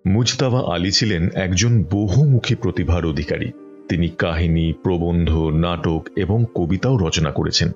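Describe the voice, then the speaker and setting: A man reading a book aloud as an audiobook, in a measured, expressive storytelling manner. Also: low voice, dull audio, soft background music.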